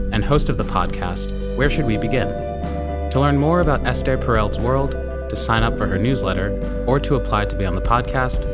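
A man reading scripted podcast credits with the measured delivery of a public radio host. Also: on the low side. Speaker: credits announcer. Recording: loud music under the voice. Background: guitar music.

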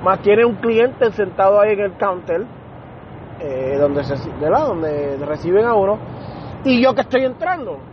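Man, fairly high voice, casual podcast storytelling, muffled sound, faint traffic noise. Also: unhurried. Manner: animated retelling that acts out other people's lines. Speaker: podcast host.

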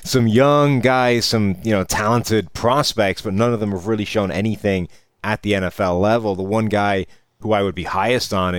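Low-voiced man giving sports analysis. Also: dry recording, studio quality. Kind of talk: conversational football analysis.

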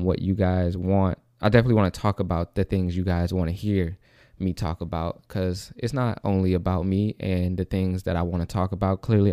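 Breathless young man, low and dark. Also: smooth, no echo, clean studio sound. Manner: rambling, repeats and restarts, says "like" and "low-key". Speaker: podcast host. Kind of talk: casual solo podcast monologue.

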